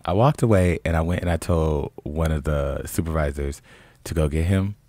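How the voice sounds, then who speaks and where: A young adult man from Chicago co-hosting a podcast in casual chat, telling stories with animation and leaping into a high voice when acting out quotes. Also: moderate pace, a little mellow, dry recording. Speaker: podcast co-host.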